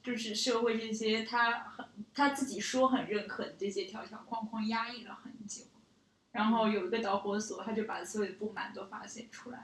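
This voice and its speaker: A woman's voice: on the high side, steady tone, fairly quick. Chatty young woman co-host, echoey room. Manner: chatty, breaks off and restarts. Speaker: podcast co-host. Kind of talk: casual podcast chat.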